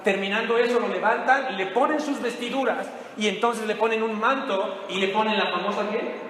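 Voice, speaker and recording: A man's voice: sits high, moderate pace, fairly bright tone, a little hiss or hum. A man preaching a sermon to a congregation, retelling a story dramatically and putting questions to his listeners. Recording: very echoey hall with long reverb.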